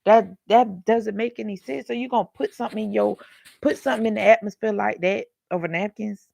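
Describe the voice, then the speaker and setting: A woman's voice: mid-range voice, steady tone, brisk, vocal fry, darkish tone. A woman hosting a casual livestream Bible talk, speaking frankly and chattily, scolding listeners with humor and calling them y'all. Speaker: Bible study host.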